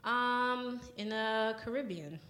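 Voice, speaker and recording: A woman's voice: on the high side, slow pace, fairly bright tone. Wry woman hosting in an echoey room. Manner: wry, joking. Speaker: podcast host. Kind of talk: casual chat.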